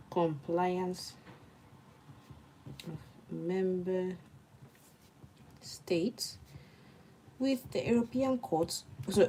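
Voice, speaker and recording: A young Nigerian woman with a Nigerian accent, a law student, murmurs her notes aloud and chats with viewers during a casual study livestream. Her voice sits mid-range, and the poor audio carries a little hiss or hum.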